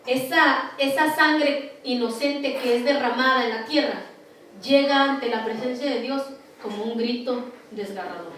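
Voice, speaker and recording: A woman pastor preaching a sermon earnestly, with frequent pauses and fillers, recorded from far off in a very echoey hall. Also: sits high, a bit bright, a little hiss or hum.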